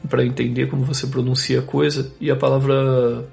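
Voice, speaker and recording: A Brazilian man with a gravelly, creaky voice at a middle pitch, talking as a podcast guest. He rambles in a relaxed way and often restarts his sentences. Faint music sits under the voice. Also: fairly quick. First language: Portuguese. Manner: relaxed, rambling, self-correcting. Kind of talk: casual interview chat.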